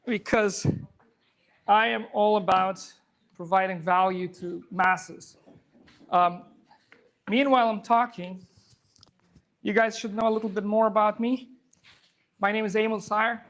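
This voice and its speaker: An Afghan software engineer holds a handheld or clip microphone while giving a relaxed live tech demo to a room. His high voice has fairly even intonation, and his rapid speech is full of restarts.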